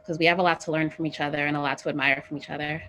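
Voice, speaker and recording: A woman's voice: sits low, level tone, racing, sharp tone, a little hiss or hum. A young woman in a casual group discussion, talking loosely with many "like"s and "you know"s.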